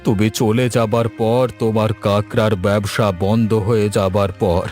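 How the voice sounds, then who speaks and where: A man acts a sensible, caring village gentleman in a melodramatic story drama. His voice is on the low side and earnest. Faint music plays behind him. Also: level tone, normal speed, natural voice. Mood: sombre, concerned. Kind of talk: melodramatic Bengali audio-story acting.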